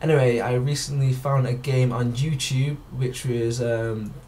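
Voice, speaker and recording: A man's voice: medium pitch, steady tone, unhurried, warm tone, a little hiss or hum. A man vlogging casually, stumbling over his intro, restarting often and swearing. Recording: distant from the mic.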